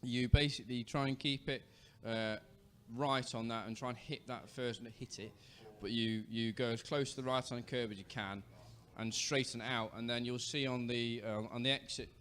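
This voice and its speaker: A man with a British accent, a rider working as co-commentator, explaining racing in a relaxed way with many fillers. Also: medium pitch, moderate pace, few pauses. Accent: British English. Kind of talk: live race commentary. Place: outdoors at a racetrack.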